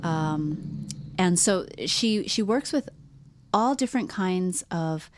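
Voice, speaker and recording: Low-voiced chatty woman podcast host. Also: expressive, slow pace. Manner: chatty, laughs often, trails off mid-sentence. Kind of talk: casual chat.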